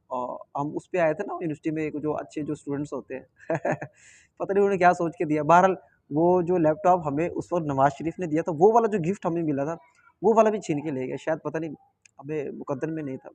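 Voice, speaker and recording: A young man from Pakistan tells a story casually to camera. His voice sits a little high, and he talks in an animated way, repeating himself and chuckling as he goes. The sound is dry and close, with no room echo. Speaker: vlogger.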